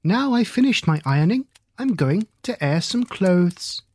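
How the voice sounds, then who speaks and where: A woman's voice: on the low side, expressive, measured pace, a little mellow, husky, dry recording, pitched above the performer's own voice. A woman voicing a stout, anxious female hedgehog washerwoman who talks in a deferential, old-fashioned polite way. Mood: fussy polite.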